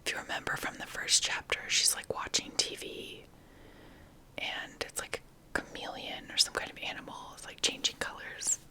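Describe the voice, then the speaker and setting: A woman reading a story aloud as whispered ASMR, softly and unhurriedly in short phrases. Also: moderate pace. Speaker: ASMR reader.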